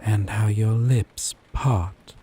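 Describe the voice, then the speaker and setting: A man voices a gentle, obsessive, possessive yandere lover from a dating sim in intimate romantic audio roleplay, speaking low, very slowly and tenderly with breathy, halting pauses. His tone is steady and adoring, with a little hiss or hum. Rain and a thunderstorm rumble in the background.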